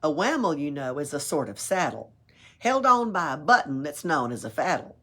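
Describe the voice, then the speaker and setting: At a library storytime, a woman with a low voice reads a rhyming picture book aloud at a moderate pace. She's expressive and playful, tossing in little asides of her own and chuckling along the way.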